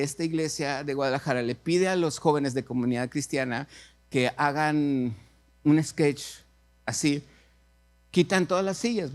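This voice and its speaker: A male preacher tells a story in a fairly high, conversational voice. He repeats phrases and asks his listeners to agree with him as he goes. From Mexico. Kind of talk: storytelling sermon.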